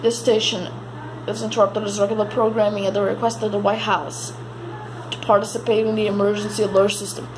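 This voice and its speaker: In a noisy amateur home recording, a woman plays announcer for a mock emergency broadcast, stumbling through the script haltingly and repeating words. Her voice is medium-pitched and level in tone.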